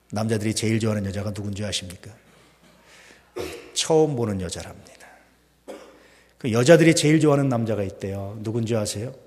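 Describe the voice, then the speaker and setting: Korean pastor preaching in a reverberant church. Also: male voice, on the low side. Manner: swings between loud emphatic peaks and hushed near-whispers, many rhetorical questions. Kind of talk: sermon. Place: church sanctuary. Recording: long hall reverb.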